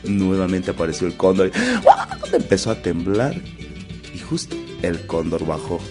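A man narrating folk tales as a storyteller in an animated, expressive, dramatic way. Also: sits low, moderate pace, soft background music.

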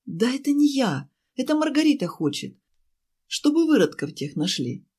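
A woman voicing a chatty, fussing woman who runs a cafe, pleading and talking fast in an audiobook. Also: sits high, very animated, a little mellow, slightly rough, pitched above the performer's own voice, heavily acted. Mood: fussy, pleading. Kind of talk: audiobook character voice.

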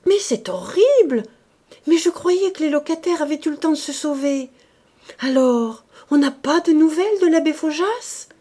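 A woman voicing a pretty, excitable young society lady in an audiobook, talking in an exclamatory, dramatic way. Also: sits high, moderate pace, pitched above the performer's own voice. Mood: horrified.

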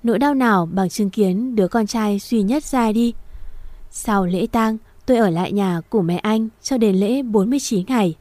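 Female storyteller, soft and emotional, mellow tone, dry close recording. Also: medium pitch, normal speed, no room sound. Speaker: narrator. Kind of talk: first-person audio story reading.

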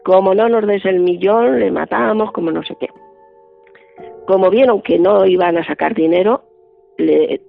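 A man with a high, gravelly voice and a breathy edge, speaking. He tells his story vividly as a radio interview guest and acts out what each person said. The sound is thin, dry and phone-like. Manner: vivid, acts out quoted dialogue. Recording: band-limited dry phone-like line.

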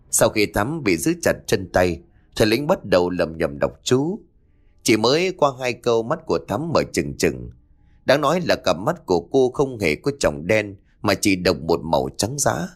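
A man narrating a ghost story in an expressive, dramatic way. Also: deep voice.

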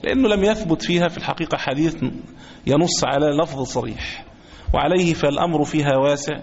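A man with an Egyptian accent explains a religious text as a sheikh, with a slightly raised voice. He speaks deliberately, repeats key phrases and draws out quoted lines in slow chant. The recording is dull and lo-fi, with long reverb from a hall. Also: fairly high pitch. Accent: Egyptian Arabic. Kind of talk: religious lesson explaining a book. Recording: echoey hall, dull lo-fi sound.

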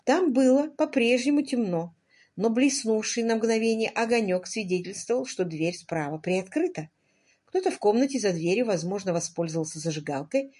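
A woman's voice: mid-range voice, a little mellow, slightly rough. Woman narrating an audiobook. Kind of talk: scripted narration.

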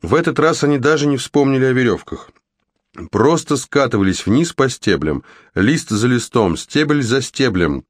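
A man narrating a children's fantasy audiobook in a lively storytelling manner. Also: medium pitch, normal speed, no echo, studio quality.

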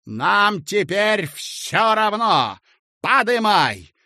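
A man's voice: fairly high pitch, very animated, takes it slowly, bright, forceful tone, slightly rough, no echo, studio quality, pitched above the performer's own voice, heavily acted. A man voicing a brash young clerk who speaks abruptly and curtly, in a storybook reading. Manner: abrupt, curt. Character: brash young male clerk, curt and reckless.

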